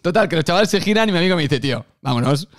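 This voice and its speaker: A man's voice: high-pitched, very fast. A Spanish man with a Galician accent, a football youtuber chatting and telling stories to his viewers. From Spain. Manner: animated, chatty, addresses viewers directly. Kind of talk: casual fan commentary and storytelling.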